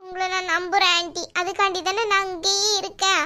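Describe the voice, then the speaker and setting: A woman's voice: very high voice, flat delivery, a little fast, sharp tone. A woman voicing a jealous, tearful young woman in a cartoon, complaining and pleading. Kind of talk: cartoon voice acting.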